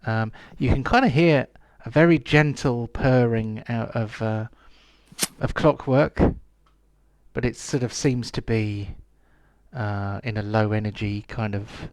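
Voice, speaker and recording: Halting male game master. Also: fairly low pitch, darkish tone, no room sound. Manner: halting, many fillers. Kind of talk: narrating a tabletop game.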